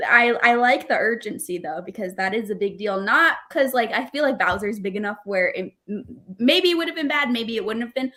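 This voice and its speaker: A woman hosting a casual livestream chat in a slightly higher voice. She talks easily, laughs often and fills her pauses with "um.". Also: animated, a bit bright. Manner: chatty and laughing, with filler "um"s. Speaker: host of reading sprints.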